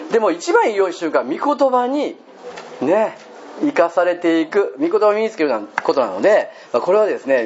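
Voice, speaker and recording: A male pastor preaches to his congregation in a chatty, joking way, often pausing to ask them questions. His voice sits fairly high and moves up and down a lot. The recording is dull and slightly muffled, with a faint hiss underneath. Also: darkish tone. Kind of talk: sermon. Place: church hall.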